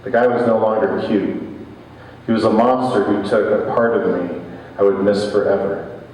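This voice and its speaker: Brief: man with a low voice, somber measured reader, heard from a distance in a big echoey hall. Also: fairly even intonation, a little mellow. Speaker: reader at a live storytelling event. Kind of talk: reading a first-person story aloud. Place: live event venue. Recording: echoey hall, distant mic, faint hum.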